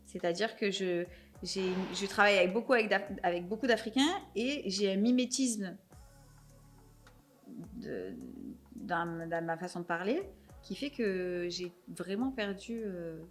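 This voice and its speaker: A talkative young woman hosts a casual podcast chat and keeps the conversation flowing. Her pitch sits in an ordinary middle range. Faint music plays underneath her voice. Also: measured pace. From France. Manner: chatty, self-described chatterbox. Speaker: podcast host.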